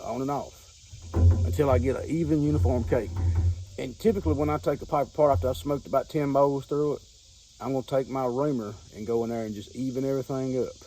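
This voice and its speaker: A man's voice: medium pitch, dark tone, poor audio. A man with a Southern American accent talks casually and off the cuff like a hobby vlogger, in a folksy, rambling way that circles back and repeats itself. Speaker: pipe-smoking hobbyist video host. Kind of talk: casual unscripted vlog talk. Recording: outdoor recording with clear insect noise.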